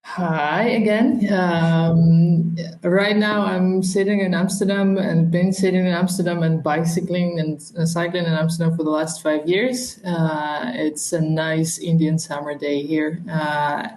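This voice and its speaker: Podcast guest: young woman from southern Russia, non-native, mellow tone, reflective with pauses, roomy echo. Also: lowish voice, level tone, a little hiss or hum. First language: a minority language of Russia. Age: young adult. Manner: thoughtful, hesitant, with frequent ums and laughs. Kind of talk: reflective interview talk.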